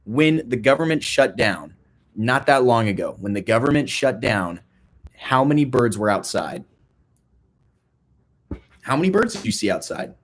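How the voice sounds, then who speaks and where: Young guy, youth group speaker, deadpan joking conspiracy bit, talks to a live room. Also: mid-range voice, unhurried, pauses often. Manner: playful deadpan, mock-serious, rambling with restarts.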